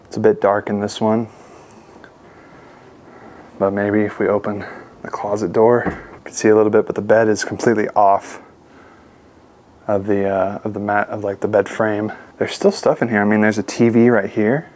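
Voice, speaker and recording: A young man casually narrating a walkthrough of an empty mansion, talking to his viewers with excitement. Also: fairly low pitch, normal speed, pauses often. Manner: excited, addresses viewers as guys. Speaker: urban explorer vlogger. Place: large empty mansion indoors.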